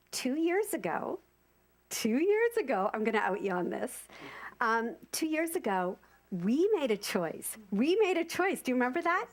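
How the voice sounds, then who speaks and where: A woman in her fifties gives an informal sermon at a spiritual center, talking straight to the congregation. She is animated and circles back on her phrases for emphasis. Her voice sits a little high for a woman. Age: 50s. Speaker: speaker at a spiritual center service.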